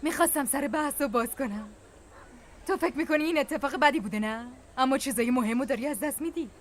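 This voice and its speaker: Cartoon dub: an actress doing a sly older sister, coaxing and confident. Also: female voice, sits high, slight background noise, lightly acted. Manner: persuasive, coaxing.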